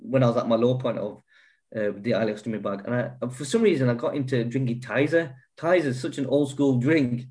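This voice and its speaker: A man of middle pitch speaks earnestly about a hard stretch of his life. He swears freely and often restarts his sentences, with an unpolished, candid delivery. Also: a little fast, darkish tone. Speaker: guest. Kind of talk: candid personal storytelling.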